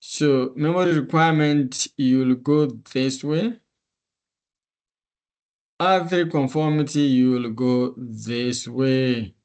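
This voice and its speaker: A man's voice: medium pitch, slow pace, darkish tone. A male instructor on a video call, walking through a screen-share tutorial step by step in a methodical way. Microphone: computer mic on a meeting call.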